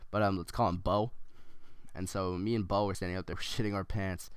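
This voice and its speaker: A man's voice: low-pitched, fairly even intonation, fairly quick, clear, resonant tone, dry recording. A man rambling through a story as casual gameplay commentary, with many ums and restarts.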